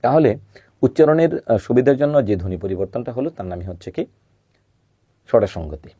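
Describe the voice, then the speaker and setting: A man teaching a recorded grammar lesson at a middle pitch. He patiently repeats example words slowly and asks questions he answers himself. The sound is dry and close, with no room echo. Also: animated, mellow, slightly rough, highs cut off.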